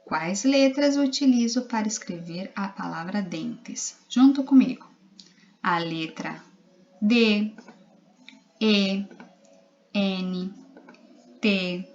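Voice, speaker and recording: A woman teacher with a Brazilian Portuguese accent talks slowly and patiently to young children, spelling out letters and syllables one by one. Her voice sits at a middle pitch. The lo-fi home video audio sounds a little dull. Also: expressive. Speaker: primary school teacher. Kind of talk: recorded literacy lesson for young children.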